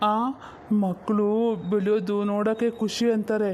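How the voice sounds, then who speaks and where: A woman's voice: medium pitch, flat delivery, moderate pace, a little mellow, a little hiss or hum, close to an everyday voice. A woman playing a doting middle-aged father of the bride, sentimental about his grown daughters, in a home-made family drama.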